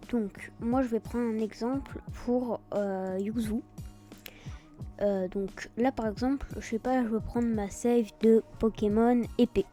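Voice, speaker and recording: Very dark-voiced woman, hesitant casual tutorial, English-tinged French accent. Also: on the high side. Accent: French, with an English-like accent on some words. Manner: hesitant, improvised explaining. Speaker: tutorial video host. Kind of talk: casual screen-recorded software tutorial.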